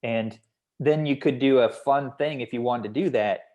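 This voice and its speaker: Like a consultant at a feedback session, a man discusses his script notes at a table read, hedging as he goes. He speaks at normal speed with a medium-pitched, darkish voice, and the audio is dull.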